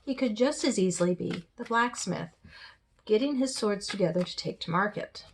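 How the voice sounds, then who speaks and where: A woman's voice: mid-range voice, animated, moderate pace, gravelly, slight background noise. A woman giving a spoken tarot reading with firm, direct advice. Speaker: tarot reader.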